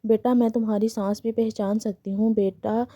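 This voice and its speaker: A woman's voice: fairly high pitch, flat delivery, moderate pace, dark tone, natural voice. A woman voicing a loving middle-aged mother who reassures her son with tender, soothing words. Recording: slightly dull lo-fi recording.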